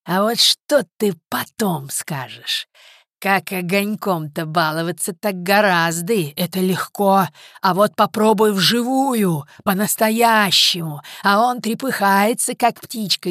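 A woman voicing a crazed, spiteful old drunk man in an audiobook, taunting in a slow, drawn-out way. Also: medium pitch, fairly bright tone, no room sound, studio quality, pitched above the performer's own voice. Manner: taunting, drawn-out, cackling menace.

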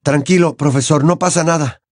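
A male audiobook reader raises his natural voice to a fairly high pitch, above his own, to play an anxious teenage boy wizard. The delivery is brisk, tense, urgent, and coaxing, captured in a dry, studio-quality recording.

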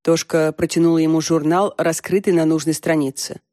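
A woman narrating an audiobook in a measured storytelling manner. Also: sits low, level tone, dark tone, no room sound, studio quality. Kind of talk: scripted narration.

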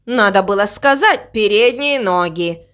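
A woman's voice: medium pitch, expressive, measured pace, fairly bright tone. A woman voicing a grumpy, fussy crow in a storybook reading, muttering complaints. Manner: grumbling, sulky.

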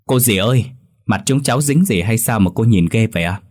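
Man doing a chill young student guy, low husky voice, shrugs things off. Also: expressive, brisk, darkish tone. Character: young male student, easygoing friend.

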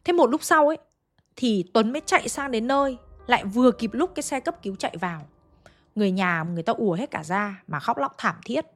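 A woman with a fairly high, expressive voice tells a ghost story at a brisk clip. She keeps it chatty and conversational, frequently speaking directly to her listeners, while faint music plays in the background.

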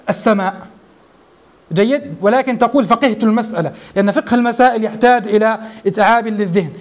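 Guy teaching a religious class, really high voice, talks fast, keeps asking the students questions as he goes. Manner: poses rhetorical questions to students and checks understanding. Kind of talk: classroom lecture explaining a text.

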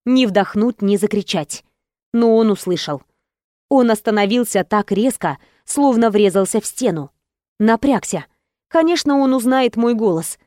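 A woman narrates an audiobook in the first person, earnest and emotional. Her voice sits fairly high. It is recorded close and dry in a studio. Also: expressive, unhurried, dark tone, no room sound.

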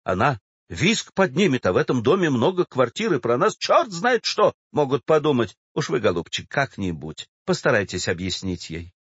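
Tired whiny old-style boss, a guy acting it out, dry husky voice. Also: medium pitch, very animated, moderate pace, a bit bright, no echo, highs cut off. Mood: fretful weary. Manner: moaning, fretful, exhausted. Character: weary sickly male bank director.

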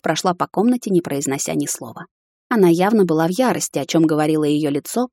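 A woman narrating an audiobook in the first person with a measured, expressive reading. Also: sits low, no room sound, studio quality.

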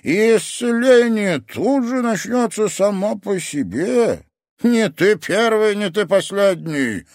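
A man's voice: high-pitched, lively intonation, slow pace, a little mellow, no echo, clean studio sound, pitched above the performer's own voice, exaggerated voice. A man voicing a stern, mocking martial arts sensei who scolds and lectures his students in an audiobook. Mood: lecturing. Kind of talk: audiobook character voice.

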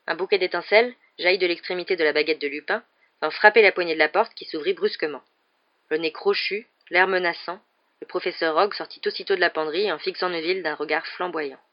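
A woman reading a novel aloud in steady, clear storytelling, on a muffled lo-fi recording. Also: lowish voice, quick pace. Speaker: audiobook reader.

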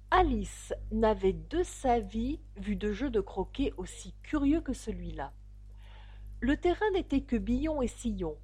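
A woman narrates a storybook with an expressive, dramatic delivery. Her voice is husky, and her pitch rises and falls in lively sweeps as she tells the tale. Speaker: audiobook narrator.

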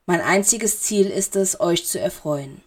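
A woman voicing a bitter, guarded male wizard who speaks low and quietly to his master. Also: unhurried, breathy edge. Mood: submissive.

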